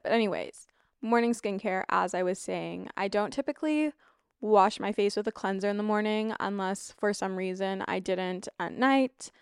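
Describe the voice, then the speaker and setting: Young woman with crackly vocal fry. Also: mid-range voice, dry recording, clean studio sound. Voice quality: vocal fry, slight rasp. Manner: informal, frequent asides and digressions. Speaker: lifestyle vlogger. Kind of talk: casual, chatty spoken routine rundown. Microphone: close microphone, wearing wired headphones.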